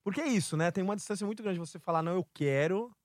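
A man's voice: high voice, animated, racing, dry recording, clean studio sound. A man with a São Paulo Brazilian accent chatting casually as a podcast guest, in heavy urban street slang. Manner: heavy urban street slang, peppered with bro-type address words. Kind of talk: casual chat.

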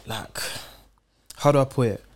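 A man's voice: medium pitch, measured pace, a crowd in the background. A young man with a London roadman accent, chatting casually in street slang. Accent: London, urban slang. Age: young adult. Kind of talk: casual group chat.

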